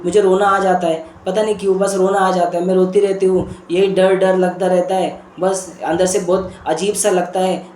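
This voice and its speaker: A man's voice: high voice, a little mellow, reverberant, close to an everyday voice. Frightened weeping mother patient, pleading and repetitive, done by a man, with faint background noise. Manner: pleading, repetitive, breathless worry.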